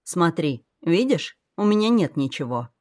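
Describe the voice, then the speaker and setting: A wry, world-weary young man, read by a woman narrator in a storybook. The delivery is dry and matter-of-fact, on the lower side of her voice. It sounds close and dry. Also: sing-song, a little slow, darkish tone, no echo. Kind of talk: audiobook character voice.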